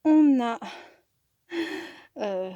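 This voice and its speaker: A woman's voice: fairly high pitch, expressive, drawn-out words, mellow, highs cut off, slight background noise. A woman chatting casually through a craft supply haul, hesitant, with many fillers and restarts. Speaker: crafting vlogger. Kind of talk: casual product haul chat.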